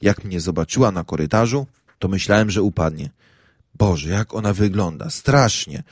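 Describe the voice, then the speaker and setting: Brief: young male narrator, deep voice, wry and ironic comic reading, dry close-mic studio sound. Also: animated, moderate pace, slightly rough, dry recording. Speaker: audiobook narrator. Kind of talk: first-person humorous narration.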